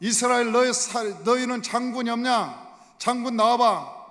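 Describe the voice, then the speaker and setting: A man acting out a boastful giant warrior who hurls mocking taunts. The voice sits high and carries loud scorn. It rings with the long reverb of a church hall. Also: measured pace. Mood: jeering. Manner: mocking, jeering shouts.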